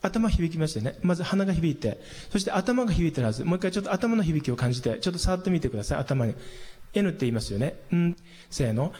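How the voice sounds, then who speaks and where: Man, voice teacher, patient explaining, fairly high voice, long hall reverb. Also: quick pace. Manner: calm, patient explaining with hummed demonstrations. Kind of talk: singing lesson.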